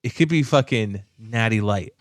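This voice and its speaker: A podcast co-host chats enthusiastically and profanely, packing his casual talk with fillers. His voice is fairly low and moves at normal speed. The sound is clean studio audio with no room sound.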